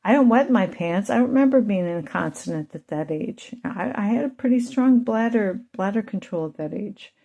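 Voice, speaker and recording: Woman, mother, host, personal storytelling monologue, emotional, rambling, mellow dark tone. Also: mid-range voice, lively intonation, moderate pace, creaky, few pauses, muffled recording. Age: adult with children. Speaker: channel host.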